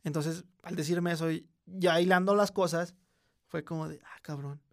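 A young Mexican man telling a scary story in casual, slangy chat, often dropping to a hush when quoting a child. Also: a little high, steady tone, moderate pace. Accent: Mexican Spanish. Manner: slangy, swearing, acts out a child's quiet voice in quotes. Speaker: podcast host.

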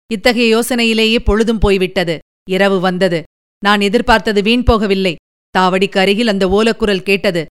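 A woman narrating a novel in a measured, deliberate storytelling manner. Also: medium pitch, smooth. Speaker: audiobook narrator.

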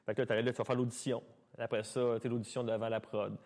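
A man in his thirties with a Québécois accent, telling stories as a guest in a casual chat, animated and full of restarts. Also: medium pitch. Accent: Québécois French. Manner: fast, animated talker with many restarts. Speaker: guest dancer.

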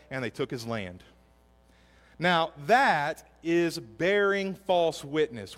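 A man preaches a sermon, retelling scripture in a folksy, animated way. His voice sits a little high and keeps jumping in pitch as he tells the story. A long reverb trails his words, as in a large church hall.

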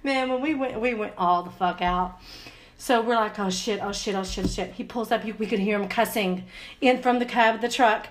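Woman, 30s, kinda high voice, laughing and cussing through a wild story. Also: normal speed. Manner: animated, laughs while telling, swears freely. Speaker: podcast co-host. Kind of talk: casual storytelling chat.

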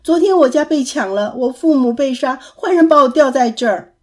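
Pleading storybook boy, tearful little lad, as a woman puts him on, high voice. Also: lively intonation, moderate pace. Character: crying tied-up young boy, pleading.

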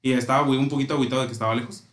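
A man's voice: medium pitch, flat delivery, racing, reverberant. A man with a Mexican accent telling concert stories in casual, slang-heavy chat. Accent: Mexican Spanish. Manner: enthusiastic, slangy storytelling.

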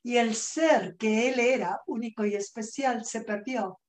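A woman guest who works as a self-management coach, speaking in an earnest, measured way, acting out her own inner dialogue and slipping English words into her Spanish. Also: fairly high pitch. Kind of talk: podcast interview talk.

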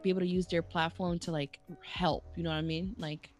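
A woman's voice: on the low side, level tone, a little fast, soft background music. A woman in her twenties co-hosting a podcast, talking casually, swearing often and laughing a lot. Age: 20s. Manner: profane, laughing, slangy. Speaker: podcast co-host.

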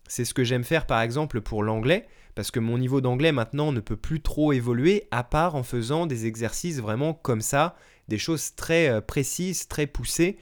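French man explaining language-learning tips. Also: mid-range voice. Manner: friendly explanatory, many fillers and self-corrections. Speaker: language-learning podcast host. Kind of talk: solo podcast advice talk. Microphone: podcast microphone.

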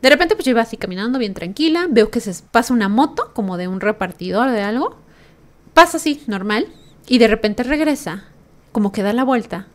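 A woman's voice: fairly high pitch, lively intonation, fairly quick. A young woman with a Mexican accent hosting a podcast, telling a personal story in a chatty way with lots of fillers and tag questions. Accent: Mexican Spanish. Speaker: podcast host.

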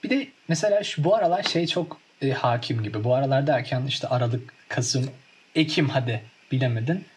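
A young man chatting casually and telling stories in a lively way, acting out scenes with mimicked sounds. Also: medium pitch, a little fast. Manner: animated storytelling, acts out scenes with mimicked sounds. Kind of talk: casual chat.

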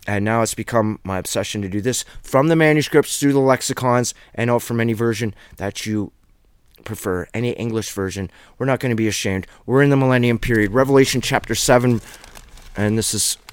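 Earnest middle-aged man preaching, smooth voice. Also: mid-range voice, no room sound, clean studio sound. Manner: earnest, emphatic, preaching fervor. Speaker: Bible teacher. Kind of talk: video Bible teaching.

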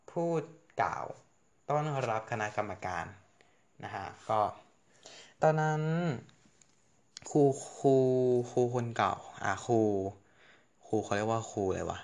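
A teenage boy telling a story in a casual vlog, chatty, correcting himself and swearing casually. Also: mid-range voice. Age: teens. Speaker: student storyteller.

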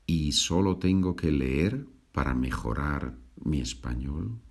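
With a bass voice and an animated delivery, a man speaks at a slow pace while hosting a language-learning podcast. He patiently repeats and translates each sentence in this slow bilingual lesson.

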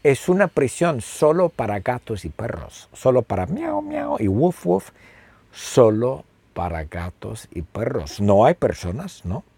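Guy telling a slow silly story, repeats everything, voice jumps all over, kinda husky. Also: medium pitch, big pitch swings, darkish tone, no echo. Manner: repeats phrases and asks the listener questions; playful, with sound effects. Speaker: storyteller for language learners. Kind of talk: slow, simple storytelling with lots of repetition.

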